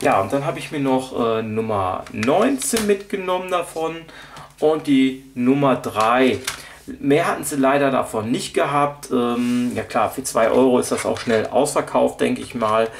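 Seated indoors at a table and off camera, a vlogger shows off his audio drama collection, talking casually and off the cuff. He rambles and hesitates as he thinks aloud. His medium-pitched voice moves at a measured pace with vocal fry, over a little hiss or hum.

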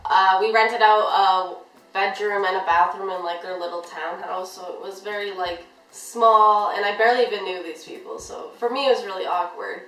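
A woman's voice: mid-range voice, steady tone, moderate pace, fairly bright tone, recorded from a distance. A young woman vlogger telling a story to her camera in a casual, rambling way, with lots of "like". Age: young adult. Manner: chatty, rambling, heavy use of "like". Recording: echoey room, voice a bit off-mic.

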